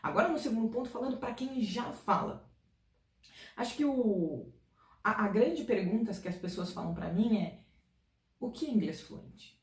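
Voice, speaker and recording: A woman's voice: fairly high pitch, moderate pace. A woman from Brazil giving casual, direct career advice to camera in a chatty, informal way. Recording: distant mic in an echoey room.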